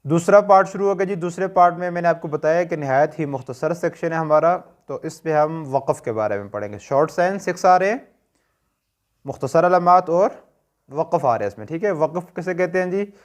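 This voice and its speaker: A man's voice: on the high side, brisk. A man with a Pakistani Urdu accent teaching a tajweed lesson, patiently asking questions and answering them himself. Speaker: Quran recitation teacher.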